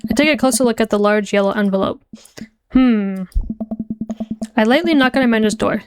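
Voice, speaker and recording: A woman's voice: fairly high pitch, moderate pace, clear, resonant tone, no echo, faint music behind. A woman streamer reading a visual novel aloud, with playful, chatty narration.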